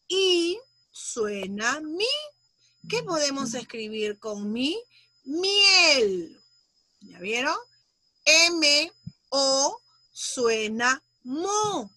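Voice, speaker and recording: A woman teaching young children in an online class over a video call, patiently sounding out syllables and using gentle diminutives. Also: sits high, no echo. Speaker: primary school teacher.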